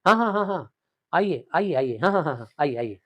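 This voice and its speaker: A man's voice: medium pitch, big pitch swings, rapid-fire, no room sound. A man voicing a fussy, anxious middle-aged father who scolds his servant and fawns over guests. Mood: fawning. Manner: flustered, scolding then fawning.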